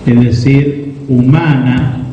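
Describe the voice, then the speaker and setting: A man preaching a homily in a deliberate, didactic way, pausing between phrases as he explains. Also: mid-range voice, steady tone. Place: large reverberant church. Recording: echoey church hall, slightly muffled, faint noise.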